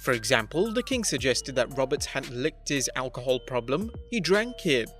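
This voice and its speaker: A man giving a scripted countdown narration in a steady, wry delivery. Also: medium pitch, normal speed. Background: faint background music.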